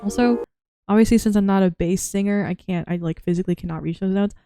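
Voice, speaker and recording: A woman streaming casually while drawing, rambling and interrupting herself as she jumps between topics, with a voice that is going hoarse. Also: mid-range voice, fast, over music. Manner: rambling, self-interrupting, chatty. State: losing her voice.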